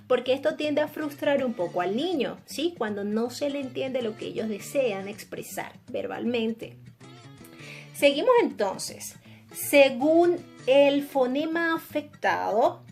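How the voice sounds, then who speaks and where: Patient woman explaining speech disorders. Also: fairly high pitch. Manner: patient, addresses parents directly, asks "¿sí?" to check understanding. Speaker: speech therapist. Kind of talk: educational explainer.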